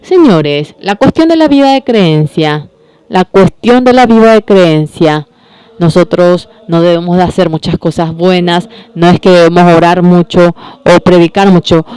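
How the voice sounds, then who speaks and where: Sermon interpreter, unhurried and clear, dry close sound, repetitive phrasing. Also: mid-range voice, darkish tone, no echo. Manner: slow, repetitive phrasing with self-corrections.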